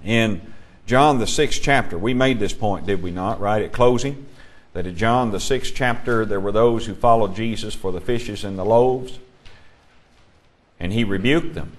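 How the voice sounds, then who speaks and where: A man teaching a Bible class, emphatic and measured, putting questions to his students. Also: lowish voice.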